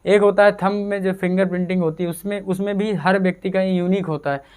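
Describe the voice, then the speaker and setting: A man's voice: high voice, fairly even intonation, brisk, darkish tone, clear, resonant tone. A man giving a casual exam-prep chemistry lecture, repeating terms and asking and answering his own questions. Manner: repetitive drilling, asks and answers own questions. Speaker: chemistry teacher.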